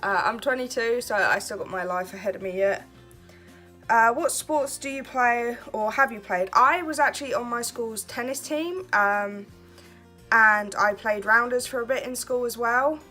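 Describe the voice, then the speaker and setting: Soft music plays behind a woman with a fairly high pitch and sharp tone speaking at a moderate pace. In her twenties and from Kent, she's a vlogger answering get-to-know-me questions late at night, relaxed, chatty, often laughing at her own expense.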